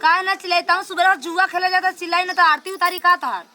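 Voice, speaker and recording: Woman acting exasperated village wife, Awadhi accent, extremely high sharp voice, nagging, combative, comedy skit, some background noise. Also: steady tone, fast talker. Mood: furious. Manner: shrill, nagging, combative complaining.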